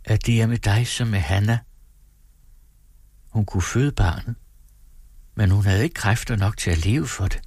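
A man reading aloud, voicing a gentle, knowing young woman who speaks softly and tenderly. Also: fairly low pitch, pauses often, dry recording, pitched above the performer's own voice, lightly acted. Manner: soft, tender, quietly certain.

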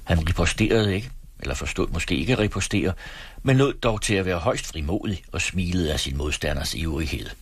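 Deep, husky male audiobook reader, dry close-miked sound, steady and measured. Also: dry recording. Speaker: audiobook narrator. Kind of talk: scripted narration.

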